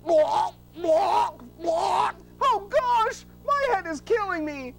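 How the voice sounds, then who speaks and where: A woman's voice: very high-pitched, sing-song, extremely slow, creaky, slight background noise, exaggerated voice. A woman playing a naive, scatterbrained but good-hearted male hero in a comedy audio drama, dopey and earnest. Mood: groggy.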